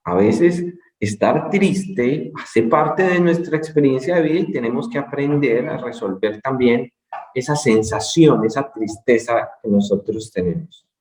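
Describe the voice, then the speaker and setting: A man giving a conference lecture, explaining calmly and repeating key points. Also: medium pitch, a little slow. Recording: roomy echo.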